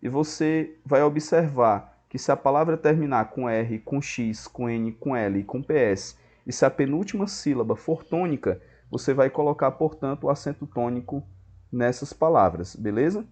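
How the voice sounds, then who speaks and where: A man's voice: medium pitch, lively intonation, normal speed, a little mellow. A man, teaching a grammar lesson step by step and checking in with his students often. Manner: explains step by step, checks in with "beleza?".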